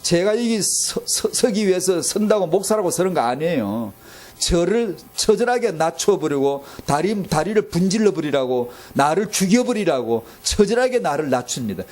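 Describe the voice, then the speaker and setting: A male pastor preaching with passion, repeating words for emphasis and dropping to a near-murmur at times. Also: high voice. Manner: impassioned, repeats words for emphasis, swings from loud to very soft. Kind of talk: sermon.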